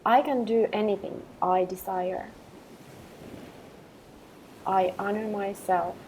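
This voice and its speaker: Calm and gentle, a woman with a mid-range voice leads a guided meditation built around affirmations, taking her time and leaving long pauses. The recording is rough, with a little hiss or hum.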